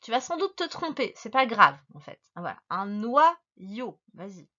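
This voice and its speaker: A woman teacher giving a slow dictation lesson to a young child, patiently stretching words and spelling them out letter by letter. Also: on the high side, sing-song, bright, forceful tone, breathy edge, highs cut off.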